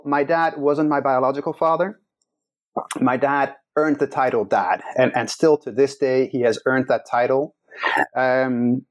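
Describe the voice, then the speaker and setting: A man in his forties from the Netherlands, a podcast guest telling his own life story in an earnest, measured way with many pauses and restarts. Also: mid-range voice. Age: 40s. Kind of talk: reflective personal storytelling.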